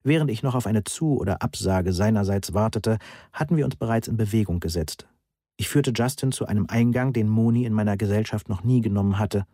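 A man narrating a first-person audiobook in a calm, even way. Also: fairly low pitch, brisk, no room sound, clean studio sound.

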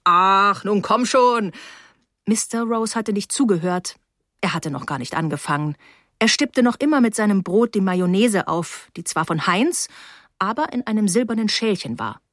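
A woman narrating a first-person story in a measured, quietly dismayed way. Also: medium pitch, animated, dry recording, clean studio sound. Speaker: audiobook narrator.

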